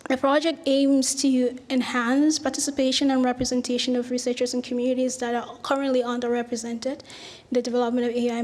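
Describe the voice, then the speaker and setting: A woman's voice: fairly high pitch, a little mellow. A middle-aged woman from Cameroon, giving an earnest academic lecture with slides and small restarts. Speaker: researcher giving a talk.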